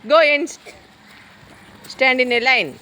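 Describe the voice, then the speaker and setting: A woman teacher running a number guessing game with her pupils outdoors, giving brisk commands and mixing in English phrases. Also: high-pitched, sharp tone, a little hiss or hum. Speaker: school teacher.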